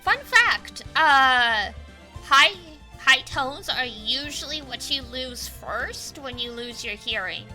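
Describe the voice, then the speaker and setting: A woman's voice: high voice, expressive, takes it slowly, bright, forceful tone, faint music behind. A Canadian woman with a cute anime-girl voice, chatting casually and animatedly as she streams a video game. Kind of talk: casual livestream chat over a video game.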